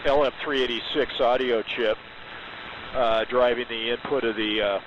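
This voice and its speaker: A man in his sixties, heard over AM radio with static hiss, chatting in a rambling, technical way with many pauses. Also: mid-range voice, fairly even intonation, lo-fi sound. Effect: received over AM radio, with static hiss. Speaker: amateur radio operator checking in. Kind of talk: casual on-air chat. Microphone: radio transmitter with carbon mic.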